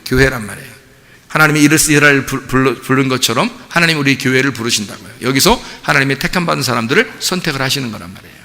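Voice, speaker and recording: A Korean pastor preaching a sermon in a lively, animated way, acting out little voices of a parent and child. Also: male voice, medium pitch, very fast. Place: church sanctuary. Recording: long church hall reverb.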